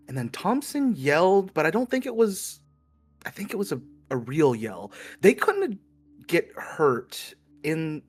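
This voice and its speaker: Worried young hero, played by a man, halting and slow, in a tabletop game. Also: on the high side. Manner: hesitant, halting, many fillers. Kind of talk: voicing a character in a tabletop game.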